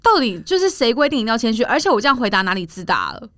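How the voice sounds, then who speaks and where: Lively young woman telling stories, dry sound. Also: on the high side, racing, no echo. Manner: lively storyteller, indignant asides. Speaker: podcast co-host. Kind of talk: casual chat, storytelling.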